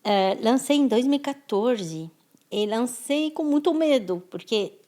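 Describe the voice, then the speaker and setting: A woman's voice: a little high, expressive, unhurried, warm tone. A French-born woman speaking as a guest in an interview, thoughtful and often restarting her words. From France. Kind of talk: conversational interview.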